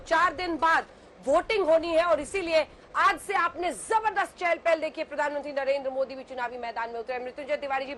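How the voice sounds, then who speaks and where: A woman's voice: high-pitched, fairly bright tone, slight background noise. A woman anchoring a TV debate, firmly cutting in and directing the speakers. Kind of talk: moderating a TV debate.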